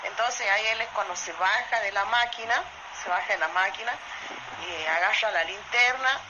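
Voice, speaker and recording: A woman with an Argentine accent from Salta, telling a true story in a voice message in a lively way, often asking "¿viste?". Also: mid-range voice, normal speed. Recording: muffled voice message with loud noise.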